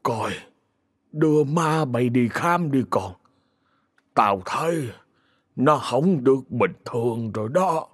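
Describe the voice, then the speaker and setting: A narrator voicing a gruff older grandfather. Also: medium pitch, animated, no echo, studio quality. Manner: slow gruff drawl. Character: gruff old grandfather, blunt.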